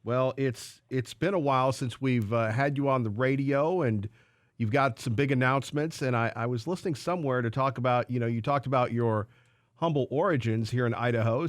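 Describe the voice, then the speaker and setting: A man hosting a morning talk radio show, brisk and upbeat, speaking from a studio mic. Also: medium pitch, dry recording. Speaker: radio host.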